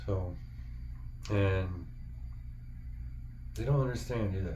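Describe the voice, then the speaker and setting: A man's voice: on the low side, takes it slowly, warm tone. A man giving an earnest, encouraging, casual heartfelt monologue as a parent talking to other parents. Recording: dull lo-fi, faint background noise.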